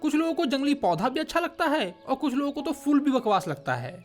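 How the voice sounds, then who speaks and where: A woman's voice: sits high, sing-song, a little fast, faint music behind. Woman voicing a kindly old gardener man. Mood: fatherly. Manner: gentle, patient, fatherly.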